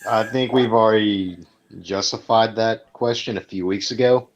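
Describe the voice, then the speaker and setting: A man's voice: lowish voice, steady tone, moderate pace. A man on a casual podcast panel, speaking in a dry, matter-of-fact way over a dull lo-fi mic.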